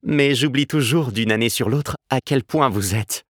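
A man's voice: medium pitch, normal speed, no echo, clean studio sound, pitched above the performer's own voice, natural voice. A man reading a novel aloud and voicing a playful young woman with a slightly raised, teasing delivery. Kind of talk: audiobook character voice.

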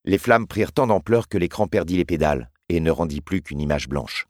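A man reading a story aloud in a measured, grave way. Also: sits low, animated, a little mellow, no echo, studio quality. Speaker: narrator. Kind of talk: scripted audiobook narration.

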